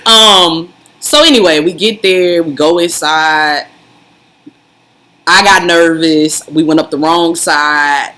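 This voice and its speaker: A woman's voice: low-pitched, takes it slowly, fairly bright tone, slight background noise. A young adult woman co-hosting a casual chat, with teasing, laughing banter. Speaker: co-host.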